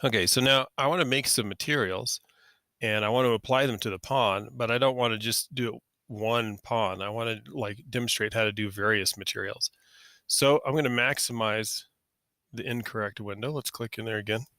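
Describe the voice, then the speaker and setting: Male screen-tutorial instructor, lowish bright voice, casual and methodical, dry close recording. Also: normal speed, dry recording. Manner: casual, talks through each click, self-correcting. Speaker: software instructor.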